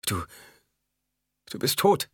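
Desperate young girl begging in a strained high voice, as a man puts her on. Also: slow, fairly bright tone, no echo, studio quality. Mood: pleading.

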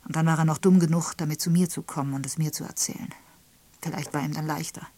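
A woman playing a bitter middle-aged wife in a storybook reading. She lays sharp, cutting stress on her words, and her voice is low and breathy. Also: fairly even intonation, normal speed, no room sound. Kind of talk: audiobook character reading.

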